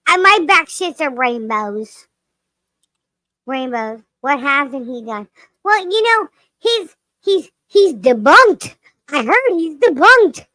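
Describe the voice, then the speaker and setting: A very high, sharp, loud cartoon lemur, with a piercing childlike edge. The creature is cheeky and crude, talking slowly and playfully in improvised live comedy, recorded very dry. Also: female voice, dry recording, exaggerated voice. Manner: playful, giggly, potty-mouthed.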